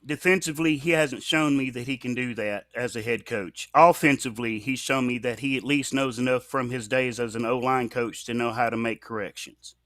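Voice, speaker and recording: A man with a medium-pitched voice gives considered sports analysis in a conversational way. He is recorded dry, with no room sound. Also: fairly quick, hardly any pauses, a bit bright, no echo. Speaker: sports podcast panelist.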